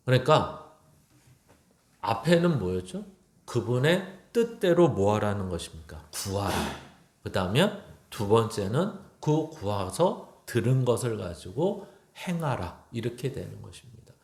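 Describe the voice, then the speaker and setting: A man's voice: lowish voice, big pitch swings, measured pace, a little mellow. A male pastor preaching a sermon to his congregation, often slipping into blunt, informal direct address. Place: church sanctuary. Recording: echoey church hall.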